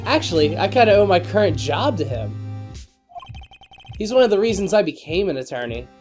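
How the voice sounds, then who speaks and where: A jittery young lawyer speaks up eagerly and a bit too loudly, as a man puts him on. His voice jumps around as he reads game dialogue aloud with earnest emphasis. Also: high voice, very animated, a little fast, soft background music. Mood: nervous earnest. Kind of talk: amateur voicing of game dialogue.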